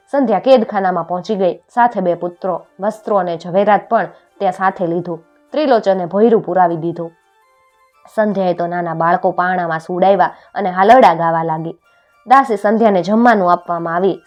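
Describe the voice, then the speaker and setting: A woman narrating an old folk tale in a measured, steady way and closing with a request to subscribe. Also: on the low side. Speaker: storyteller. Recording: dull audio with faint music.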